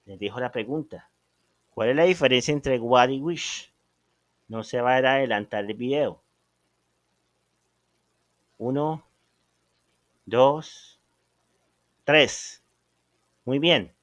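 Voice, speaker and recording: A man teaching an English lesson on video, animated and emphatic, slowing down to stress example phrases. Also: medium pitch, no room sound.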